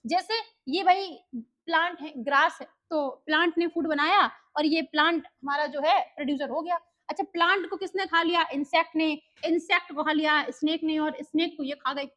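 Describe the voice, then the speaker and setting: A woman teaching a revision lesson in a chatty, lively way, speaking Indian English and asking and answering her own questions. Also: high-pitched, normal speed.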